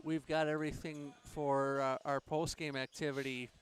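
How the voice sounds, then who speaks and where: A man calling play-by-play at a handball game in a measured, steady way. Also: on the high side, a little hiss or hum. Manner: measured, calls the action. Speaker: play-by-play commentator. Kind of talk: sports play-by-play.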